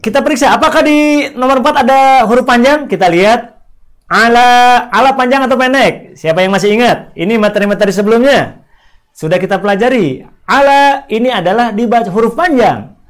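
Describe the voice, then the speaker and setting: A man teaching an online Quran reading lesson, asking questions, repeating points and slowly drawing out example words. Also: very high-pitched, animated. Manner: asks questions and answers them himself, repeats points; stretches words out slowly when demonstrating readings.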